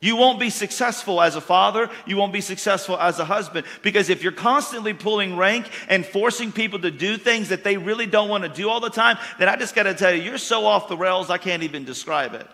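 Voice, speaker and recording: This sermon comes from a pastor whose bright, slightly high voice moves a little fast with few pauses. He speaks to his congregation in a homespun, forceful style, building into louder bursts as he presses his points, while church-hall reverb lingers.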